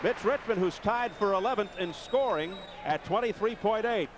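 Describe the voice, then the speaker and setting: Brisk male basketball play-by-play announcer. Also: high-pitched, a loud crowd, heavy background noise. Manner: brisk, excited calls of the action. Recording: old broadcast audio.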